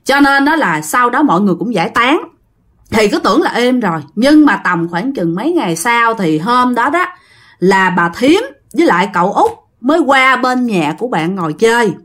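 A woman's voice: on the high side, normal speed. A woman with a Southern Vietnamese accent casually narrating a ghost story, talking directly to her listeners. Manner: animated, addresses listeners directly.

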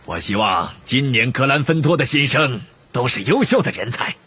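A man's voice: medium pitch, lively intonation, moderate pace, sharp tone, slightly rough, voice pushed up, full character voice. A man doing a prim, proud school ghost.

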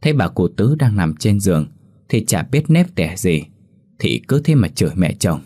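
A man narrating a ghost story in a steady, expressive storytelling manner. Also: deep voice, moderate pace.

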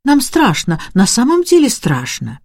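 A woman's voice: lowish voice, a little fast, mellow, no room sound, studio quality, close to an everyday voice. Brief: woman reading an anxious genteel lady, pleading, audiobook. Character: frightened older lady of the house.

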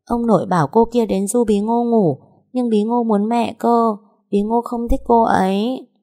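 A frightened little girl's voice, pitched high and pleading through tears, as a woman narrator puts her on. She sounds small and clingy, with a soft, mellow tone that never turns sharp. It is a storybook audiobook voice. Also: normal speed. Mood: tearful pleading. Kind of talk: audiobook dialogue.

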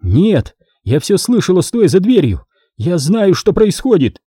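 A man's voice: very animated, unhurried, mellow, husky, dry recording, clean studio sound, exaggerated voice. A man reading an audiobook voices a furious, accusing young woman, the daughter of a mafia boss. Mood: angry. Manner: shrill, accusing.

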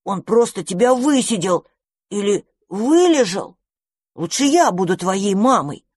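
A woman's voice: medium pitch, big pitch swings, measured pace, a little mellow, no echo. Woman voicing a grumbling boy mouse, jealous, fretful, dry close sound.

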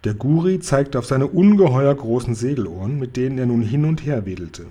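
A man reads a children's story aloud in a calm, unhurried way. His voice is dark and mellow, with a husky edge. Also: mid-range voice. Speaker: narrator. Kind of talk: reading a children's book aloud.

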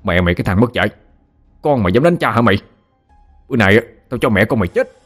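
A man's voice: lowish voice, expressive, fast, soft background music. Storybook bully husband, put on by a male narrator, stammering and raising his voice. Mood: threatening. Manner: stammering, pleading. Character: drunken abusive husband, middle-aged man, stammering coward.

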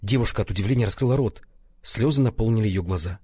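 A man's voice: fairly low pitch, fast, dark tone, slightly rough, no echo, studio quality. A man reading a first-person story aloud, acting out other characters by raising his voice for their lines. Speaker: audiobook narrator. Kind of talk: first-person audiobook narration.

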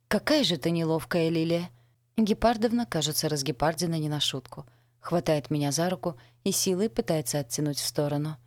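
A woman's voice: deep voice, a little mellow, no echo. A woman reading a first-person novel aloud as an audiobook narrator, with a wry, ironic storytelling manner on a close mic.

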